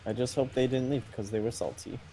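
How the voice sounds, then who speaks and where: A man's voice: mid-range voice, fairly even intonation, fast, over a noisy crowd, low-quality recording. A man co-commentating a game match, laid-back and full of fillers. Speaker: co-caster. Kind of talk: casual esports commentary.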